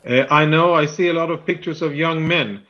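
A fairly high-pitched military spokesman answers in a live news interview, sounding firm, deliberate and defensive. The remote link is band-limited and the audio dull.

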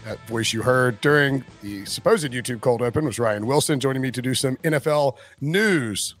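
A man's voice: mid-range voice, moderate pace, a bit bright, faint music behind. A man in his forties hosting a casual sports podcast, joking and teasing his co-host. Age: 40s.

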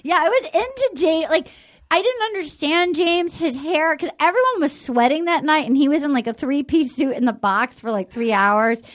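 Give me a woman podcast host, high-voiced and enthusiastic in casual chat. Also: animated. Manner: enthusiastic, gushing, quick asides.

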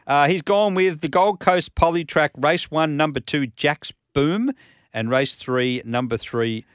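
A man's voice: fairly high pitch, measured pace, dry recording, studio quality. A man with an Australian accent hosting a horse racing show, giving tips in a confident, assured tipster manner.

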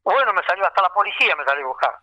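Argentine male storyteller, higher-pitched bright voice, dry close sound, lively anecdotal delivery. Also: racing, no room sound, muffled recording. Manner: lively storyteller, acts out remembered dialogue. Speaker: singer recalling his career. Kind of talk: casual anecdote telling.

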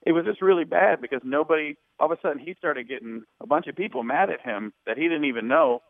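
A man phones in to a radio show and talks fast in a loose, rambling way, full of "you know" and "like". His voice comes through a thin, tinny phone line that sounds close and dry. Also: fairly high pitch, gravelly, dry recording. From Louisiana. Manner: rambling, relaxed storytelling with fillers. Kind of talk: casual call-in chat.

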